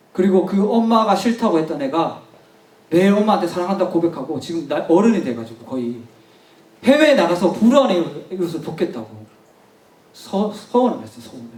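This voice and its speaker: A man's voice: a little high, darkish tone. A male pastor preaching a sermon, telling a story with emphatic repetition and speaking straight to the congregation. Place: church hall. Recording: echoey hall, mic at a distance.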